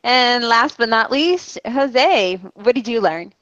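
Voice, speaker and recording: A woman's voice: a little high, expressive, takes it slowly, fairly bright tone, no room sound. Giggly woman host on dull dry audio. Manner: giggly, upbeat. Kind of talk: moderating an online Q&A.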